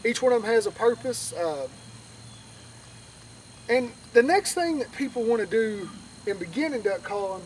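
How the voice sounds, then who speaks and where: A man's voice: very high voice, big pitch swings, normal speed, long pauses. A man giving an informal, conversational outdoor tutorial as an instructor, with a folksy manner, repeating points for emphasis. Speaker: duck calling instructor. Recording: distant mic outdoors, faint background noise.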